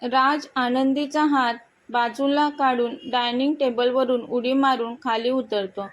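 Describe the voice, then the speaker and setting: A woman's voice: high-pitched, fairly even intonation, a little slow. A woman narrating a short romantic story as a storyteller, reading it aloud steadily.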